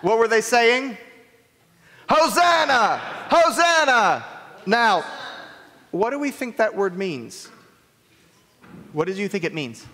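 A man's voice: high-pitched, expressive, a little slow, pauses often, fairly bright tone. A man giving a children's message in a church sanctuary, playful and asking the children many questions. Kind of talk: children's sermon. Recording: echoey church hall reverb.

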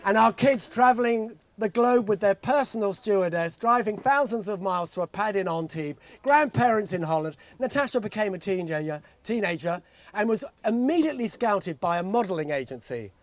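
A man in his sixties delivers a father of the bride speech at a wedding. His voice sits unusually high for a man. He tells jokey stories, reading from notes into a handheld mic. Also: lively intonation, a little fast. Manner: jokey storytelling. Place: outdoor garden wedding reception. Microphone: handheld microphone held close.

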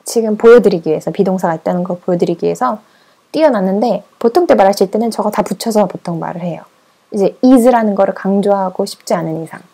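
Slow-drilling woman English teacher, mellow voice. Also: medium pitch, slightly rough. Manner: gives prompts and countdowns, repeats English sentences slowly. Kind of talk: language lesson with drills.

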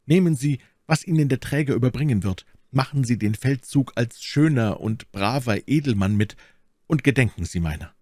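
A man voicing a lady of rank saying goodbye, lifted and gentle, dry close sound. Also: medium pitch, animated, normal speed, no echo, pitched above the performer's own voice, lightly acted. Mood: tender.

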